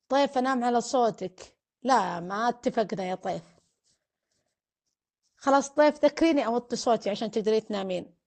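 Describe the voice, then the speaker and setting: Female family counselor, a bit high-pitched, chatting casually on a live stream. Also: a little mellow. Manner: chatty, teasing, offers blessings and prayers. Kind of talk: casual live-stream chat reading viewer comments.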